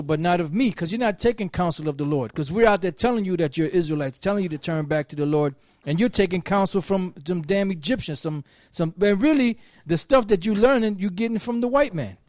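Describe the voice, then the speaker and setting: A man reading a Bible passage aloud and scolding his critics, pausing often with fillers. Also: high-pitched, darkish tone, dry recording, clean studio sound. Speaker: speaker in a religious open forum. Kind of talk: reading scripture with commentary.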